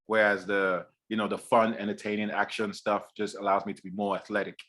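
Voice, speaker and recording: Man, low voice, casual chat, laughs a lot, lots of ums. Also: flat delivery, fairly quick, a bit bright. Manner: laughs often, hesitant fillers. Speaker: guest actor.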